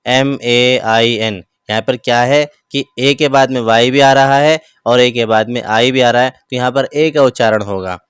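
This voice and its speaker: A man teaching English pronunciation, spelling each word letter by letter and then saying it slowly. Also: mid-range voice, steady tone, fairly bright tone, smooth, no echo, clean studio sound. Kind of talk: slow spelled-out pronunciation lesson.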